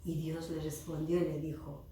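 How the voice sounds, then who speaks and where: A woman teaching children at church, telling a story in a slow, sing-song way and asking them questions. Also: sits low, little pitch movement, dark tone, slight background noise. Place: church room. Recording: echoey room, voice from far off.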